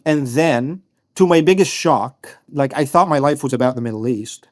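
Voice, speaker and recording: In an interview, a thirty-something Egyptian guest writer answers at length and reflectively, with a medium-pitched, darkish voice at normal speed. Thoughtful in manner, he often uses fillers and starts his sentences over.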